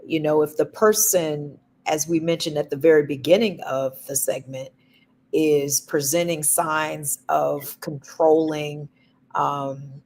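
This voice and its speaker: A woman co-hosting a talk show, giving relationship advice in a slow, deliberate and emphatic way. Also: deep voice, vocal fry, darkish tone. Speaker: podcast co-host.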